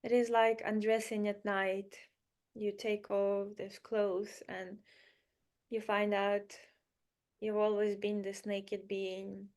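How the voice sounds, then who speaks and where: In a medium-pitched voice with a flat delivery, a woman guides a spiritual meditation. She is soothing and unhurried, using short phrases, pauses and gentle repetition.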